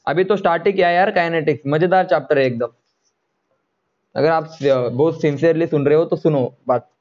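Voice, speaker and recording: A man teaching a chemistry lecture online in speech, coaxing students to answer and drawing out formula terms slowly. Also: fairly high pitch, darkish tone, muffled recording.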